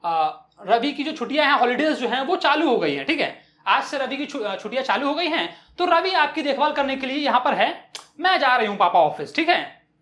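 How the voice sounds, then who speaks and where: A woman's voice: sits high, sing-song, a little fast, a bit bright, roomy sound. A woman teacher explaining an English chapter line by line in Hindi, mixing in English phrases and acting out the characters' lines.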